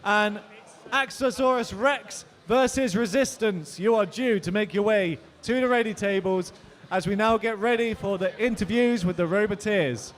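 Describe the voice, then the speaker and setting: A man's voice: high voice, moderate pace. A British man commentating live on a robot combat tournament and calling competitors to the ready tables. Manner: announcing calls to the ready tables.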